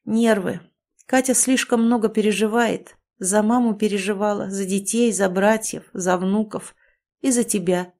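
A woman reading an audiobook voices a patient woman who speaks softly and earnestly. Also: medium pitch, fairly even intonation, moderate pace, lightly acted. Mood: calm. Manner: soft and earnest, pleading. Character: gentle, patient woman, a sister-in-law.

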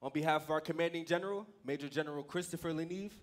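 A man's voice: on the high side, rapid-fire. A young man leading a military chorus on a theater stage, projecting drill calls and formal announcements in a commanding manner. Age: young adult. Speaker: military chorus leader calling commands and cadences. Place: theater stage in a large auditorium.

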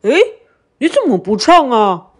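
A woman's voice: on the high side, big pitch swings, a little slow. Woman voicing an eager big ox. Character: big simple-minded male ox.

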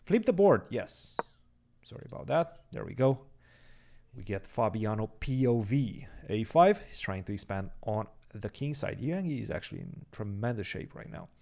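A young man calls a chess game live in a loose, chatty stream, thinking out loud as the moves come. His voice sits a little low and carries a gravelly fry at the ends of phrases. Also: big pitch swings, normal speed. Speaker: chess commentator.

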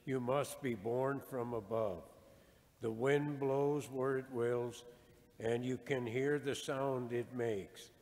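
A deacon proclaiming the gospel in a measured, formal way, his voice carried by a long church reverb. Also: mid-range voice, darkish tone. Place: large church.

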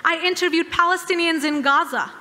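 A woman in her thirties giving a formal keynote speech at a podium, measured and emphatic with dramatic pauses. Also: very high-pitched, steady tone, pushed and bright. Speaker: keynote speaker. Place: large dark hall, at a podium. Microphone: podium microphone. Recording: hall reverb.

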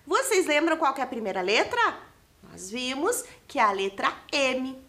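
With a high, slightly bright voice full of big pitch swings at normal speed, a Brazilian Portuguese-accented primary teacher addresses young children. She spells out letters and syllables in a classroom studio built for televised lessons, regularly questioning the class.

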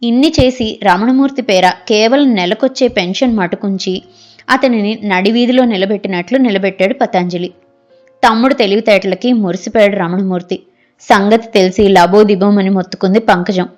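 A woman narrating a novel as an audiobook reader, in a steady storytelling manner. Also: mid-range voice, moderate pace, faint music behind.

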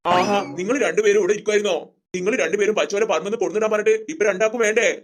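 A performer voicing a gentle, worried old grandfather in a children's family skit, with a low, gruff put-on voice. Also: fairly even intonation, very fast, a little hiss or hum, close to an everyday voice. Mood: surprised.

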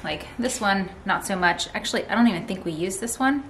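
A little fast and with lively intonation, a woman in her thirties talks in a mid-range voice about cleaning old beehive frames. The homesteading vlogger chats casually in a large barn while loud noise fills the background.

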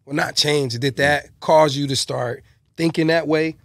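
A man's voice: a little high, fairly even intonation, unhurried, no room sound, clean studio sound. A man hosting a casual interview, asking curious questions and giving frequent short affirmations. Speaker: podcast host.

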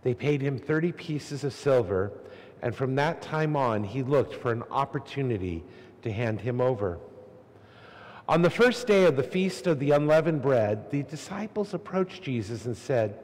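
A man's voice: medium pitch, lively intonation, normal speed, darkish tone. Man reading scripture in cathedral echo. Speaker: clergyman reading the Gospel at Mass. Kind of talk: solemn liturgical scripture reading. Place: large church, at lectern. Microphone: lectern microphone. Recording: cathedral-like echo, long church reverb.

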